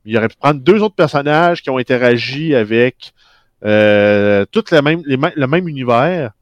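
A man's voice: medium pitch, animated, normal speed, no room sound, dull audio. A man with a Quebec French accent speaks in a middle-range voice on a casual panel. He argues his point at length with conviction. The recording is dry and close.

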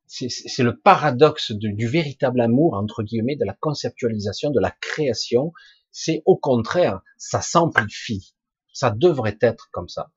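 A man with a husky, rough voice giving an informal spiritual talk to online listeners, halting yet emphatic, in colloquial, earthy wording. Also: mid-range voice, animated, dry recording, lo-fi sound. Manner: halting and emphatic, with colloquial swearing and sound-effect words. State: coughing now and then. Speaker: spiritual teacher answering listeners' questions live.

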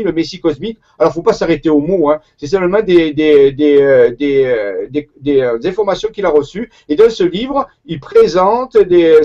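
A man with a warm southern French Marseille accent talks through an interview in a fairly high voice. He hesitates often, circling back and restarting his sentences. The recording sounds dull and lo-fi. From Marseille, southern France. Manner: hesitant, many fillers and restarts. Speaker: guest researcher. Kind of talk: conversational interview.

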